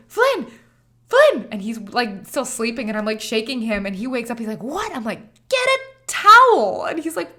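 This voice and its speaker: A woman in her thirties hosting a podcast, telling a personal story in a lively way and acting out quoted dialogue with sudden high exclamations. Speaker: podcast host.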